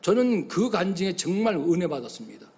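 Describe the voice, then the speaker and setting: High-voiced pastor preaching with feeling. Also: male voice, brisk. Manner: animated preaching, acting out voices of God and congregants. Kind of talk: sermon.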